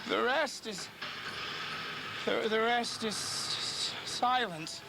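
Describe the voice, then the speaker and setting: A very high-pitched male actor's dying prince speaks over loud background noise. He is anguished and passionate, gasping and halting slowly through Shakespearean verse. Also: heavily acted. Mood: fading, dying. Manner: halting, gasping delivery with groans. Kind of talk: Shakespearean stage acting.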